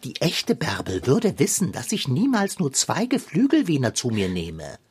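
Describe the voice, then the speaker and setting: A woman's voice: very deep voice, wildly swooping pitch, normal speed, a little mellow, husky, full character voice. A woman voicing a pompous, greedy male tomcat who talks in stilted old-fashioned phrases. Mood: solemn. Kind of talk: children's radio play acting.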